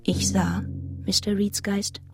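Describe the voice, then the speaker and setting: A woman's voice: medium pitch, little pitch movement, slow pace, over music. An actress narrating a literary audio drama as a grown woman reflectively recounting a grim orphan childhood. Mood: reflective, sombre.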